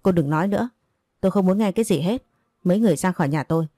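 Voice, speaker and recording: A woman voicing a grieving seventeen-year-old who pleads and insists, in a low, dark voice. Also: racing, no echo, lightly acted. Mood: defiant. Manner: pleading, insistent, breaking into denial.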